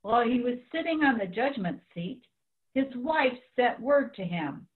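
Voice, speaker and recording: A woman's voice: on the high side, expressive, unhurried, narrow, tinny audio. A woman giving a dramatic scripture reading, heard through a thin, band-limited recording. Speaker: church reader.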